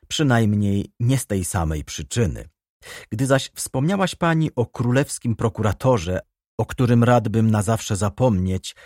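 A man reading the part of a stern former journalist turned prosecutor in an audiobook, measured and quietly accusing. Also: on the low side, no room sound, studio quality.

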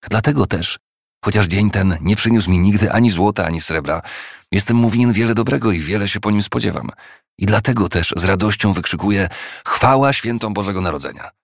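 A man's voice: fairly low pitch, fairly quick, creaky, no room sound, studio quality, voice pushed up. A man voicing a cheerful young nephew who speaks earnestly and pleads kindly with his uncle.

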